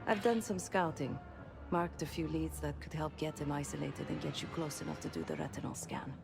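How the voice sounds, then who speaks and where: Low, gravelly, cool spy woman. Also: fairly quick. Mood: cool, instructing. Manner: confident, controlled, instructing. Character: cool, shrewd female spy briefing an operative. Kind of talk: video game cutscene acting. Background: music.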